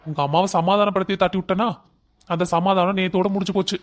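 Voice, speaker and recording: A performer voicing a calm middle-aged father in a cartoon drama, explaining gently to his child. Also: medium pitch, fast talker, close to an everyday voice.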